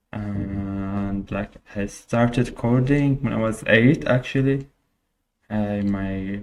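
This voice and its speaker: A man's voice: fairly low pitch, darkish tone. A young man from Syria, a guest in an interview, speaking hesitantly with many fillers and restarts. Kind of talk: casual interview.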